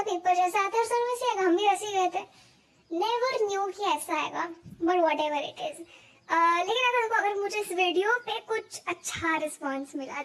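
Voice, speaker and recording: A young woman from India talking casually to the camera, chatty and self-mocking, switching between two languages. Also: very high-pitched. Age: young adult. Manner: chatty, mixes English into her talk, self-mocking. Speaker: vlogger. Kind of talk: casual chat.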